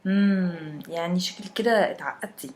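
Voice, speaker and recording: A woman's voice: normal speed, a little mellow, natural voice. A woman voicing a curious, teasing young woman who keeps asking her friend questions. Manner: eager questioning, raised pitch.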